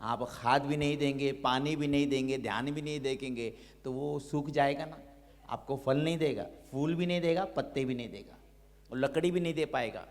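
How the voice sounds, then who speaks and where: एक पुरुष पादरी, जो उपदेश देते हुए हालेलुया दोहराते हैं और लोगों से ऊंचे, भावुक स्वर में प्रार्थना करवाते हैं।. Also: male voice, mid-range voice, moderate pace. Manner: exhorting, repeats hallelujah; leads a loud impassioned prayer. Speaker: pastor. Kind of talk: sermon. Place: church hall. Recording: long reverb of a church hall.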